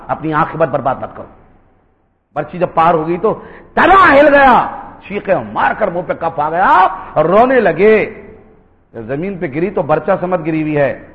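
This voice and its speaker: A man delivers a fervent sermon in a slightly raised voice that leaps and dips dramatically. He bursts into loud cries, then drops to slow, hushed phrases. The sound carries a long hall reverb and a dull, lo-fi tone. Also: a little high. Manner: swings between loud outbursts and hushed, drawn-out lines. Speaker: preacher. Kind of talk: impassioned Urdu sermon.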